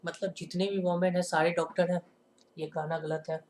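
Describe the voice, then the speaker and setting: A man teaches a classroom-style lesson, repeatedly asking rhetorical questions and answering them himself. He slows down to stress each example sentence, and his high voice has a flat, slightly mellow delivery.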